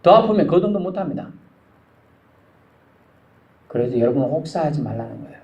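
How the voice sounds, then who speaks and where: Animated high-voiced male pastor preaching. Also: brisk, lo-fi sound. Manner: animated preaching, voice climbing high when stirring the congregation. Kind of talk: sermon. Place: church sanctuary. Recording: echoey church sanctuary.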